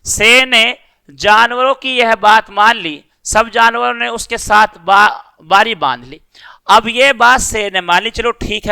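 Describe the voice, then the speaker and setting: A man's voice: high-pitched, sharp tone, clean tone, no room sound. A male teacher explaining a children's story in a lesson, quoting the characters as he goes.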